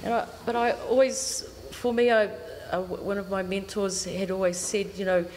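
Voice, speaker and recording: A New Zealand woman with a mid-range, darkish voice and little pitch movement speaks as an artist on a panel, halting and repeating words as she gathers her thoughts. The talk is reflective, recorded on a stand mic in an indoor art gallery with reverberant acoustics and faint hiss.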